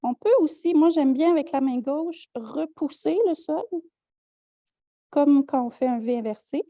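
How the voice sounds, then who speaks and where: A woman with a Quebec French accent, teaching a yoga class with calm step-by-step cues and light joking asides. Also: sits high, unhurried, no room sound, studio quality. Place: yoga studio.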